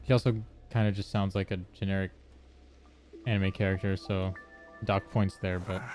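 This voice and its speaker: A man's voice: low voice, little pitch movement, moderate pace, a little mellow. A man giving casual gameplay commentary, rambling with joking asides. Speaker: game streamer. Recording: faint game music behind.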